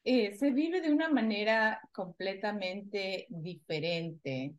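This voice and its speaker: A woman from Ecuador in her forties, a guest in a casual chat, talking thoughtfully with pauses and fillers. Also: mid-range voice, highs cut off.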